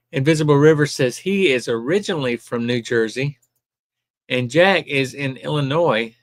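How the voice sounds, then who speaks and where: This is an older retired man from Alabama, Southern accent and all, hosting a live stream where he casually reads viewer comments aloud and says "um" a lot. His voice is mid-range, and there's no echo.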